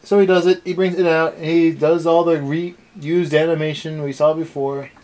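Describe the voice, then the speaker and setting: His voice is a little high yet darkish in tone, level and at normal speed, as he co-hosts a casual anime review rant. He comes across as rambling and sarcastic.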